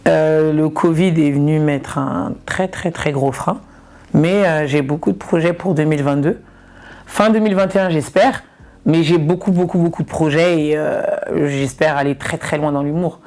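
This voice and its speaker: A woman's voice: low voice, normal speed, darkish tone. A woman from Ivory Coast, a comedian and influencer, chatting casually in an interview and repeating words for emphasis.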